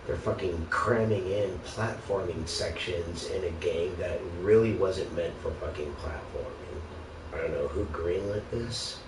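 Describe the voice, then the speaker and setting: A man with a low voice delivers an exasperated, sarcastic rant about gaming, cursing freely and casually. He sounds set back from the microphone in an echoing room. Clear noise runs behind him. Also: a little slow. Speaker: video game ranter. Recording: roomy, noisy, distant microphone.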